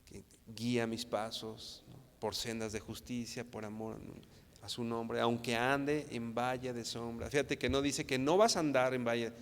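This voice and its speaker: A man's voice: mid-range voice, fairly even intonation, measured pace, a little hiss or hum. A man from Mexico with a Mexican accent preaching a sermon, earnest and repetitive, often stumbling and restarting with tag questions. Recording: long reverb hall.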